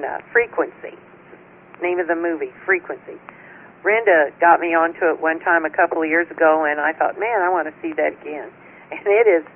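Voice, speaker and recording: A woman's voice: lowish voice, phone-quality sound. A woman checking in on an amateur radio net, chatting in a folksy, familiar storytelling way over two-way radio. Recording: thin radio transmission with faint static.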